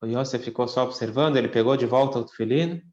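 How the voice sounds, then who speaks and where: A man's voice: mid-range voice, quick pace, darkish tone, muffled recording. A rabbi telling a story in a talk, raising his voice for the quoted lines. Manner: acts out the quoted lines with a lifted voice. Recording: echoey room.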